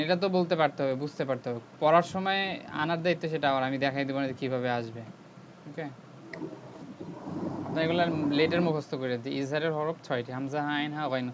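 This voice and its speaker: Guy teaching quran reading online, kinda high voice, keeps asking the students to say it back, muffled call audio w/ hiss. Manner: patient, repeats questions for students to answer back. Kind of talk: online class teaching with call-and-response drills. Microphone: video call.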